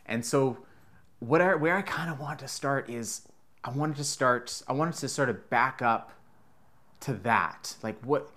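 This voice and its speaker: This is a male podcast host in a relaxed interview chat. He rambles, backs up, restarts his thoughts and jokes with his guest, with the odd swear word along the way. His pitch sits in the middle range for a man. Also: unhurried. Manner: loose, rambling, joking, swears now and then.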